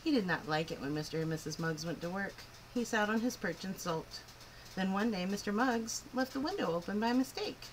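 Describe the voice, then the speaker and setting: Reading a children's story over background noise, a storyteller with a medium-pitched, brisk voice narrates a picture book to kids. She's animated and expressive, phrasing clearly and adding emphatic swoops.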